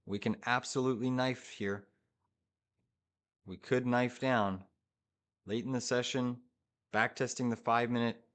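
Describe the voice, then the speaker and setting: A man's voice: medium pitch, steady tone, a little slow, pauses often, a bit bright. A man hosting a live trading stream, giving urgent, hyped commentary to viewers in short repeated phrases. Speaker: live-streaming day trader, host.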